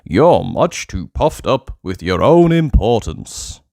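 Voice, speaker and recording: A man's voice: fairly low pitch, very animated, slow, creaky, darkish tone, no room sound, clean studio sound, exaggerated voice. A man voicing a stern goblin king in a storybook, speaking in a grand, commanding way.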